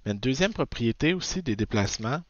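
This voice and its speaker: This physics lecturer speaks with a Québécois French accent, his mid-range voice expressive and fairly quick. He often pauses to check "ok?" and corrects himself mid-stream. The lo-fi recording is dull and dry, with slight background noise.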